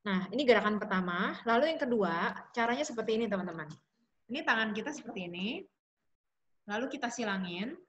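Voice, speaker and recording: A woman's voice: a little high, animated, fairly quick, dull audio. A woman speaking at an online support session, chatting casually between stories and guiding simple relaxation exercises. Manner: chatty, warm asides, frequent fillers. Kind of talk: casual talk with guided exercises.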